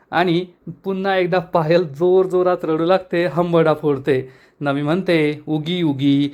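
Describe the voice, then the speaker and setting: A man narrating a recap of a TV serial episode, reading out the characters' lines as he retells the story. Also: a little high.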